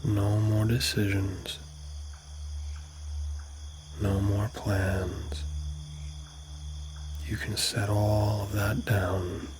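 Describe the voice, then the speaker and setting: A man giving an ASMR sleep talkdown in a soft, breathy, often whispery voice, soothing, in short phrases with pauses. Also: on the low side, level tone, noisy background.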